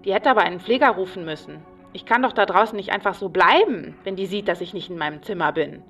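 A woman's voice: medium pitch, fast, fairly bright tone, recorded from a distance, soft background music. An agitated, paranoid patient rambles and repeats herself obsessively in a radio play monologue. She is recorded a little way back from the microphone. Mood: fearful.

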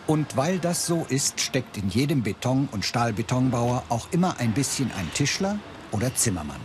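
A man delivering clear, measured scripted narration for a documentary. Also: medium pitch, big pitch swings, noisy background.

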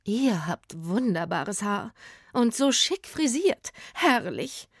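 A woman's voice: medium pitch, expressive, normal speed, dry recording, lightly acted. A woman voicing a proud, indignant hairdresser in a children's audio story. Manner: indignant, theatrical.

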